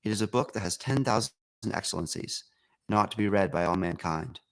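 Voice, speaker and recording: Low-voiced man reading formally. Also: brisk. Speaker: reader. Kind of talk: reading aloud an old essay.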